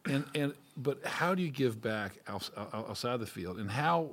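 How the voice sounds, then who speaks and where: A man hosting a casual interview, halting and repeating words as he forms his questions, with an affirming manner. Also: mid-range voice, expressive, fairly bright tone. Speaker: interview host.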